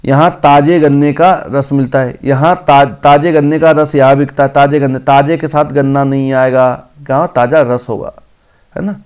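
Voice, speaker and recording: Male teacher, exam-prep grammar lesson, slow read-outs then corrections, mid-pitched voice. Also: fairly even intonation, a little mellow, smooth. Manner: reads each option aloud slowly, then corrects it.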